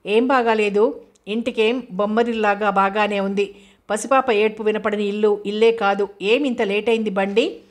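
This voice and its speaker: A woman reading the part of a chatty, teasing young woman lecturer who banters quickly and drops in English phrases, in an even, flat delivery. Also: mid-range voice, close to an everyday voice.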